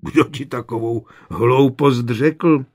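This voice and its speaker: A man's voice: mid-range voice, a little mellow, slightly rough. A man doing a kindly, teasing grandfather. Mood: friendly. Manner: friendly, playful.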